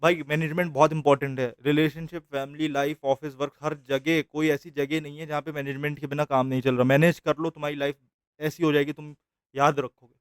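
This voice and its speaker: A man's voice: a little high, flat delivery, fairly quick, clean tone, dry recording, studio quality. A young man teaching a trading course in a casual, encouraging way, mixing English phrases into his speech. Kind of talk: casual motivational lesson.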